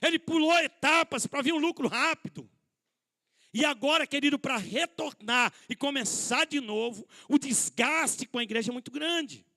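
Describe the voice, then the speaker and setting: A middle-aged pastor with an extremely high, pushed and bright voice speaks at normal speed. At a church conference in a church hall, he preaches conversationally, calling listeners brothers, asking rhetorical questions and joking about himself.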